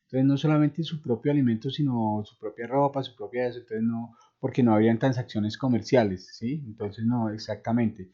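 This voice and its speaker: A man's voice: mid-range voice, fairly even intonation, a little fast, few pauses, mellow. A middle-aged man giving an online lecture, explaining with homely examples and many "eh" fillers. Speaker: university lecturer. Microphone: online video call. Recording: dull lo-fi call audio.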